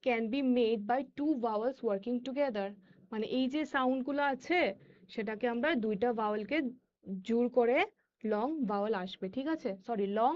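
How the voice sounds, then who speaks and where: A woman English teacher with a Bengali accent and Bengali as her first language, teaching children, reading words slowly and deliberately with quicker asides. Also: fairly high pitch, dull audio. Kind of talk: classroom lesson for children.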